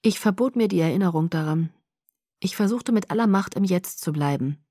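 Woman, audiobook narrator, measured storytelling, breathy voice, dry recording. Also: on the low side, lively intonation, dark tone, no room sound. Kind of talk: first-person audiobook narration.

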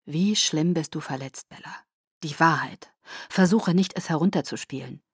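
A woman voicing a remorseful young man, a brooding vampire lover who speaks low and hushed in an audiobook. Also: moderate pace, breathy edge, no echo, studio quality, exaggerated voice. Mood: grave. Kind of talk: audiobook character voice.

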